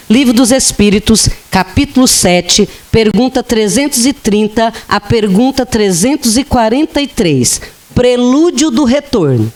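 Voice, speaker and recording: A woman's voice: on the high side, a little mellow. A woman giving a spiritist lecture to an audience, telling humorous anecdotes and acting out the voices of people in them. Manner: slow, humorous storytelling with acted-out quotes. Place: lecture hall of a spiritist center.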